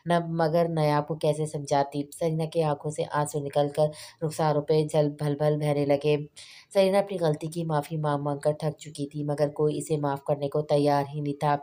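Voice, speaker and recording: Low, dark-voiced woman narrator. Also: level tone. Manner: slow, measured reading. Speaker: novel reader. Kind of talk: audiobook narration of a romance novel.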